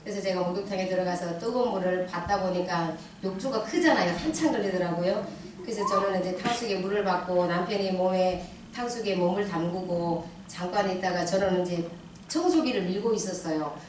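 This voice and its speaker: A woman's voice: fairly low pitch, a little fast, a little mellow, slight background noise. A middle-aged woman giving an emotional testimony in church, recounting events dramatically and acting out her own prayers. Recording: echoey church hall, distant mic.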